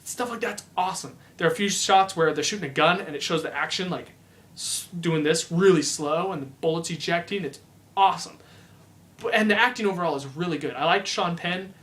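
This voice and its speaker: A man's voice: on the high side, a little fast, a bit bright. A young man giving a casual movie review, chatty and often saying "like".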